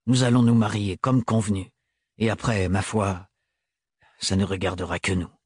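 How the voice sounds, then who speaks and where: Stern unbending man in an audiobook, clipped and hard, husky low voice, as the reader plays him. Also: steady tone, moderate pace, darkish tone, dry recording, studio quality. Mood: curt, cold. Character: tall stiff man, curt and cold.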